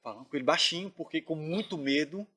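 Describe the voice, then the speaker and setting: A man's voice: fairly high pitch, quick pace, breathy edge. Earnest man recounting a dream. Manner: earnest, drops to hushed tones when reliving tense moments. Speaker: dream narrator. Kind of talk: casual storytelling.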